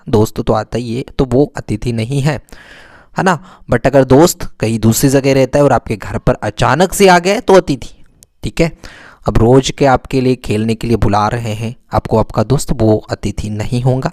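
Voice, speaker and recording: A male teacher talks children through a vocabulary lesson in a middle-pitched voice, repeating every word and answering his own questions. The sound is dry and close, with no room echo. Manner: repeats words slowly, asks and answers himself.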